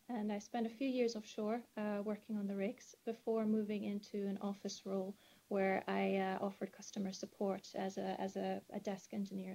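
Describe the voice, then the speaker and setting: A woman's voice: medium pitch, gravelly, warm tone, dull audio. A woman in her thirties from Venezuela, an engineering manager introducing herself over a video call with a hesitant, filler-heavy delivery. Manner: hesitant, many fillers and restarts. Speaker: wells engineering manager presenting remotely. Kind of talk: remote webinar self-introduction. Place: indoors, on a rainy evening. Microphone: video call link.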